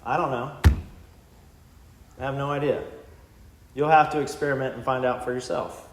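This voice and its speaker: A man preaching a sermon as pastor, conversational, acting out quoted prayers in lively voices and dropping quietly for emphasis. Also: mid-range voice, normal speed, echoey room. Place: church sanctuary.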